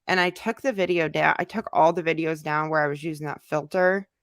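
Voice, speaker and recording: A deep, steady voice moving a little fast belongs to an American YouTuber hosting a casual livestream. She answers viewer comments in loose, conversational bits, captured in a dry, studio-quality recording.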